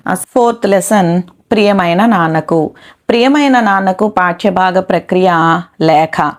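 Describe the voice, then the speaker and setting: A woman with a lower voice teaches a Telugu exam-prep lesson. She reads out notes and word lists steadily, one item after another, moving on with a quick "next.". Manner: steady list-like dictation with "next" transitions.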